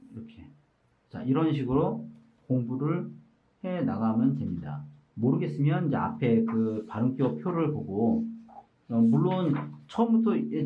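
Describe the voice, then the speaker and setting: A male teacher walks through a workbook page by page, patient and methodical, his pitch rising and falling a great deal as he explains. The recording is a bit muffled and lo-fi. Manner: patient, explains step by step, often reads sounds out slowly. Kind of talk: explanatory lesson walkthrough. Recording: slightly muffled lo-fi audio.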